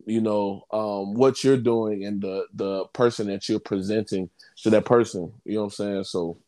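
A man, chatting casually and halting often with fillers like "you know what I'm saying.". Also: fairly low pitch, steady tone, darkish tone. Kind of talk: casual conversation.

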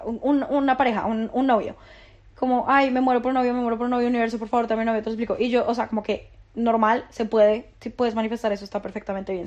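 A woman's voice: medium pitch, a little mellow. A young woman, hosting her own podcast in a rambling, profane monologue full of filler words. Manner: rambling, profane, heavy use of filler "como". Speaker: podcast host.

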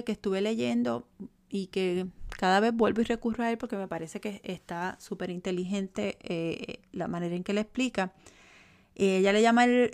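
A woman speaking in a calm, measured way, giving self-help advice straight to the listener and often checking in with a "right?". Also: mid-range voice. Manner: calm, measured, addresses listener directly with frequent "¿verdad?". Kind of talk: motivational talk to camera.

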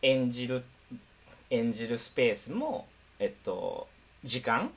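A man hosting a casual live-stream chat, soft-spoken, laughing lightly and thanking viewers for their comments. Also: mid-range voice, very animated, slow pace, breathy edge. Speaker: host.

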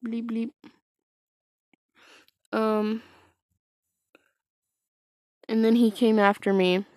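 A woman's voice: fairly high pitch, little pitch movement, extremely slow, a little mellow, no room sound, studio quality. A woman casually telling a personal story, hesitant and wry, full of fillers and restarts. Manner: wry, self-mocking.

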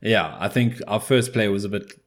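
A South African man with a low-pitched voice talks casually as a podcast co-host. He rambles along informally, using slang as he chats about games. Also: normal speed.

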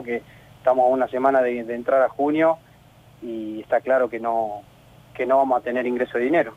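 Argentine footballer, male, halting and frustrated, phone-line sound on radio. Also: mid-range voice. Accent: Argentine Spanish. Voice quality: halting, many restarts and fillers. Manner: earnest, frustrated. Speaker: professional footballer. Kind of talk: radio interview.

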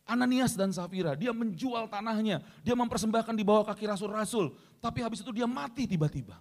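Quick preacher guy, kinda high voice, loud bits then quiet asides, keeps asking for amens. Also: lively intonation. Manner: swings between loud high emphasis and low quiet asides; keeps addressing the congregation and calling for amens. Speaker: pastor. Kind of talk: sermon.

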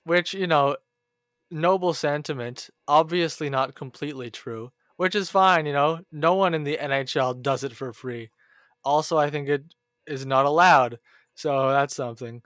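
A man co-hosting a casual sports podcast, talking hockey in an animated way. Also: on the high side, moderate pace, dry recording, clean studio sound. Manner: animated, mimics fans in a whiny voice. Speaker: podcast co-host.

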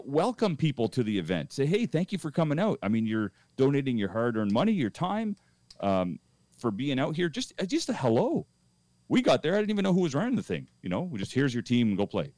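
A man's voice: medium pitch, a little mellow, no echo. A middle-aged man hosting a podcast, telling a rambling anecdote in a casual way with many restarts. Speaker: podcast host.

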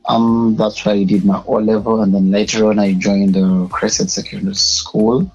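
A man's voice: fairly low pitch, level tone, moderate pace, a little mellow, slightly rough, highs cut off, soft background music. A young Ugandan man with a Ugandan English accent, a media personality and public speaker, answering interview questions in a hesitant way with many filler sounds. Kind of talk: casual interview.

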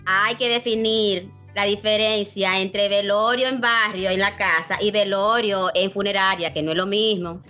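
Bright, emphatic woman. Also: medium pitch, fairly even intonation, soft background music. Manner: emphatic, quick to make her point. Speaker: co-host. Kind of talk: casual chat.

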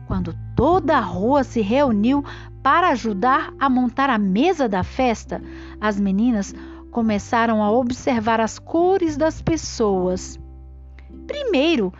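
Slow, high-pitched woman storyteller, very animated. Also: muffled recording. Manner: animated, slow and careful, addressing children affectionately as little friends. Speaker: children's storyteller. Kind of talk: expressive read-aloud storytelling for young children. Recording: music bed behind the voice. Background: background music.

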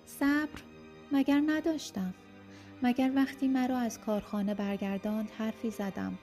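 A woman's voice: on the high side, flat delivery, mellow, soft background music, natural voice. A woman voicing a bitter, defiant young enslaved man who protests angrily.

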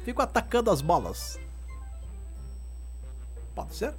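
A man's voice: high-pitched, wildly swooping pitch, slow. A man with a southern Brazilian accent clowning playfully in comic radio banter. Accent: southern Brazilian, Rio Grande do Sul. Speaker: radio show regular. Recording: music bed behind the voice.

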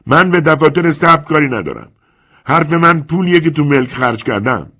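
A male narrator gives voice to a furious landowner in an audiobook, a man who has been cheated and will not keep quiet about it. The voice climbs far above the reader's own and rings loud and indignant. The tone is husky and gravelly, close to a shout throughout. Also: fairly high pitch, expressive, voice pushed up. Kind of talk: audiobook character voice.

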